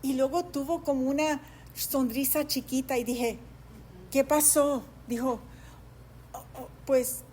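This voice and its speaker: A middle-aged woman pastor preaches from the pulpit, her voice sitting high. She tells a personal story heartfelt animation and hesitant fillers. A faint hiss of background noise runs under her words. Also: fairly even intonation, unhurried, pauses often, darkish tone. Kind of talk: sermon. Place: church sanctuary.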